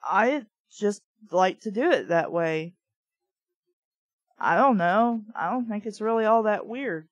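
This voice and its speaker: Reading a children's book aloud, the young woman host throws in frank, opinionated remarks and curses freely as she goes. She speaks slowly but with animation in a mid-range voice, and the dry recording sounds somewhat dull.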